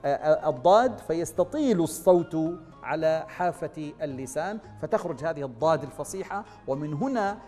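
A man, a scholar of Quranic recitation, explaining in a measured way with drawn-out fillers and spoken pronunciation demonstrations, as a TV studio guest. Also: a little high, animated, warm tone. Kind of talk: explanatory TV interview answer. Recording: reverberant studio with faint background music.

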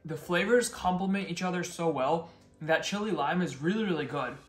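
Faint music plays in an echoey room as a young man talks cheerfully to camera between bites. He's a food vlogger, his voice a little high and his pace normal.

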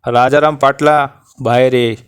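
Guy doing a scary outlaw dude, slow loud commands, super dry recording. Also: level tone, clean tone, no room sound, natural voice. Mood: menacing. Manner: booming, slow, threatening commands. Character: fierce commanding male outlaw, hot-tempered but just.

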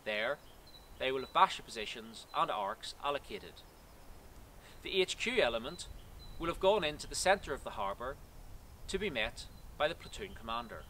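A man in his thirties teaches field drills outdoors with a bright, forceful voice whose pitch rises and falls a lot as he stresses each step. His delivery is measured and precise, like a prepared military briefing. Faint outdoor noise sits under the voice, picked up by a camera some distance away. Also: big pitch swings. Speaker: cadet force instructor. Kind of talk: scripted instructional talk. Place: outdoors in woodland.

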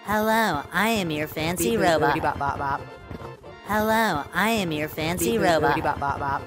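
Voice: medium pitch, quick pace, lightly acted. Streamer doing a goofy robot voice, sing-song beep boop chant over game music. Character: silly beeping robot. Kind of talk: live game stream, goofing around.

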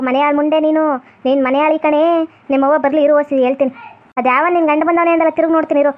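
A woman voicing a deaf, cranky old grandmother who scolds fast and holds to strict customs, in a comedy skit. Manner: scolding, shrill and quick. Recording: tinny phone-like sound.

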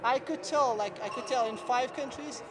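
A high-voiced man with a playful, teasing manner, chatting casually between rallies. He is picked up by a camera across a big indoor sports hall, with loud crowd noise behind him. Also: moderate pace. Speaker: badminton player. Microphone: far camera.

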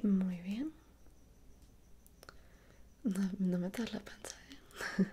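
A young woman with a Mexican accent in a whispered role-play as a dressmaker, speaking softly and attentively straight to the listener. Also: mid-range voice, a little hiss or hum. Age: young adult. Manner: soft, unhurried, attentive, speaking directly to the listener. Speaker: ASMR performer playing a dressmaker. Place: small indoor room at home.

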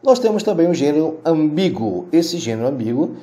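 A man, a Spanish teacher giving a recorded lesson and explaining step by step, often checking in with quick tag questions. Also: a little high, big pitch swings, mellow, muffled recording.

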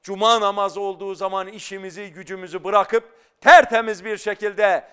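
High, clear-voiced earnest male scholar. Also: steady tone, moderate pace, bright, forceful tone. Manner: earnest, rising into fervent emphasis. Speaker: guest scholar. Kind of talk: explanatory talk-show commentary. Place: television studio.

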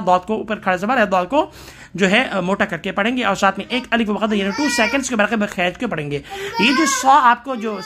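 A man's voice: sits high, bright, forceful tone. A man from Pakistan teaching tajweed, reciting verses and explaining each letter rule step by step, stopping now and then to correct himself.

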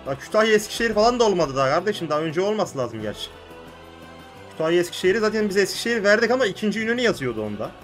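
A young man hosting a gaming channel, commenting excitedly on a strategy game, exclaiming and swearing at what happens on screen. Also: high voice, very fast, soft background music. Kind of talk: excited let's-play commentary.

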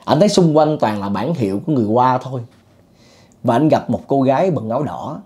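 A man recounts a spooky tale in a relaxed, conversational way. His voice sits at an ordinary pitch with a dark, mellow tone. He talks loosely, with fillers and the odd chuckle. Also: brisk. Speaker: ghost story teller. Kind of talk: casual spoken storytelling.

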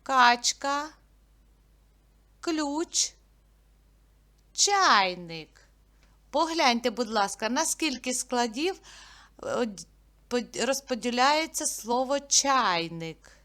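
A woman teaching a literacy lesson to young children, speaking patiently and clearly and drawing out each sound. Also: a little high, animated, drawn-out words, long pauses, sharp tone.

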